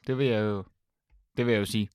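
A man's voice: fairly low pitch, fairly even intonation, clear, resonant tone, dry recording, clean studio sound. Hesitant, joking male podcast host. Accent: Danish. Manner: hesitant, full of fillers, laughs often. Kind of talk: casual comedic chat.

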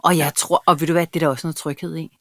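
A woman's voice: low-pitched, fairly even intonation, fairly bright tone, dry recording, studio quality. A woman chatting casually and frankly as a co-host, telling stories and laughing often. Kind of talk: casual chat.

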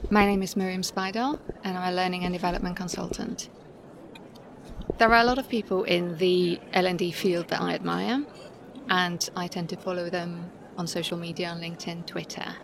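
A woman's voice: lowish voice, steady tone, normal speed, a crowd in the background. A woman consultant giving a conversational interview answer as an event attendee. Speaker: conference attendee, learning consultant. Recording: live in noisy crowded venue. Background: clear venue noise.

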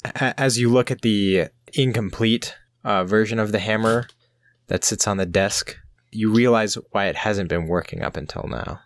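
A man narrating a tabletop game as game master, improvising with hesitant pauses mid-sentence. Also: lowish voice.

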